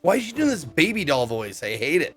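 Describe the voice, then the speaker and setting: A man's voice: a little high, sing-song, a little fast, soft background music. A man giving casual, irreverent commentary over a game, swearing freely. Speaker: gaming streamer.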